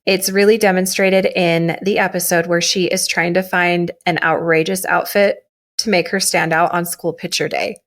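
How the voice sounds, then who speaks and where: A woman's voice: lowish voice, steady tone, moderate pace. A woman in her thirties co-hosting a podcast, chatty and self-deprecating, often laughing. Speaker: podcast co-host. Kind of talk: casual chat.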